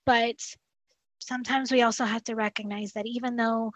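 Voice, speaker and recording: A woman's voice: fairly high pitch, little pitch movement, normal speed, a bit bright, dry recording, lo-fi sound. A woman speaking as a podcast guest and dietitian, talking earnestly with frequent restarts and "you know.". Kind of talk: casual conversational interview.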